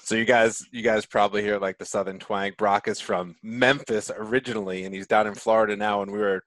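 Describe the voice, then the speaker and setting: A man's voice: lowish voice, steady tone, fairly quick, fairly bright tone, no room sound. A man hosting a podcast in a casual, informal and enthusiastic way. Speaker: podcast host.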